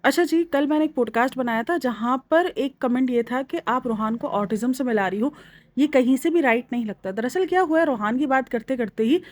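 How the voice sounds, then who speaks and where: Speaking a little fast in a high-sitting voice, a young vlog commentator shares her casual, opinionated take on online vlogs. She's chatty and animated, and there's no room sound.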